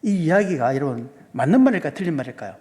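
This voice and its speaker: Korean pastor preaching in a reverberant hall. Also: male voice, a little high, sing-song, rapid-fire, warm tone. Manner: asks the congregation many questions; walks through sums step by step. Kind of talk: seminar sermon. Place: church sanctuary.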